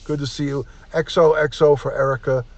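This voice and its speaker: A man's voice: a little high, level tone, a little fast, crowd noise. A man, hosting a live stream and chatting casually as he reads out viewer names and thanks them. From United States. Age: 50s.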